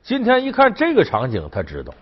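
A man's voice: sits high, huge pitch swings, brisk, breathy edge. A man telling a folk legend in a chatty, colloquial storytelling style with folksy asides. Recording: dull lo-fi sound.

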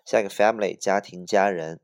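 A man's voice: low-pitched, fairly even intonation, brisk. A male teacher whose first language is Chinese, going through English vocabulary word by word, explaining each one with example phrases and spelling words out letter by letter.

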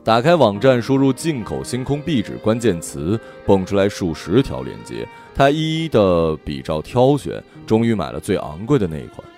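A man reads a novel aloud in a gentle, expressive storytelling manner. His voice sits low, and his pitch moves through a lively range. Faint music plays softly beneath the narration. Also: normal speed, few pauses. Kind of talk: audiobook narration.

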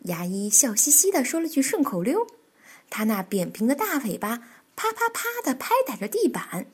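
A woman reading a children's picture book aloud as a storyteller, animated and expressive. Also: a little high, normal speed, husky.

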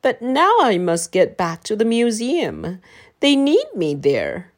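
A woman doing a gentle old dinosaur. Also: mid-range voice, wildly swooping pitch, slow pace. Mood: friendly. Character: gentle friendly male dinosaur, huge and old.

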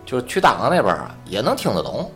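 A man with a Tianjin accent in casual co-hosted chat, colloquial and halting, often repeating a word before going on. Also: medium pitch, huge pitch swings, fairly bright tone, soft background music.

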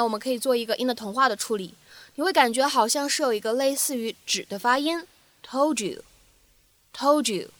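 A young woman teacher leads a spoken English lesson, repeating phrases slowly and carefully to drill pronunciation. Her voice is high and bright, recorded close and dry with no room sound. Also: no echo.

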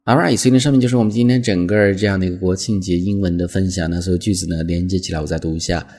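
Husky low-voiced male English teacher. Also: steady tone, a little mellow. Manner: patient, explains slowly and reads English examples carefully. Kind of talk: language lesson explaining vocabulary.

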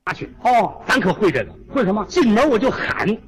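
A man with a Tianjin accent leads a crosstalk routine in a very high voice. He tells the story at full tilt and drops into loud, exaggerated character voices as he goes. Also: a little fast, crowd noise, poor audio. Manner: animated, slips into exaggerated character voices and shouts. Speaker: crosstalk lead comedian.

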